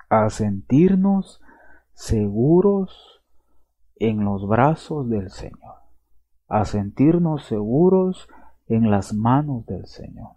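A man's voice: mid-range voice, dark tone, husky, no echo. A man preaching a sermon in an earnest way, repeating himself and checking in with his listeners as he goes. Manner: earnest, repeats himself, tags lines with a questioning aside. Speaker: pastor. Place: church or teaching setting with slides.

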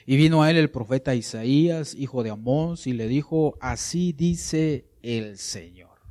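With no room sound at all, a medium-pitched man preaches at a church service as the pastor. He takes it slowly and with emphasis, repeating lines and alternating between loud declarations and soft pleas.

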